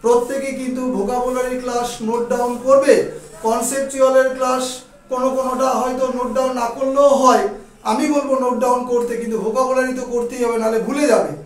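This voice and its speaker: A man's voice: extremely high pitch, little pitch movement, quick pace, heavy reverb, distant mic, poor audio. A man with a Bengali accent teaching English vocabulary to students, explaining and repeating each word and checking they follow. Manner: explains and repeats words, checks with "ঠিক আছে?". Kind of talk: classroom vocabulary lesson.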